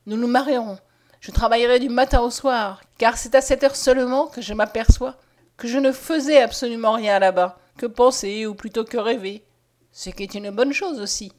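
A woman voicing a gentle, weary young man with weak eyesight who speaks earnestly. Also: a little high, moderate pace, natural voice. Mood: hopeful. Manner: earnest, pleading.

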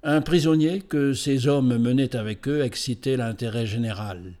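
A man narrates a historical tale in a steady, measured reading voice of middle pitch. His delivery is even and composed, the sound of a scripted storybook narration.

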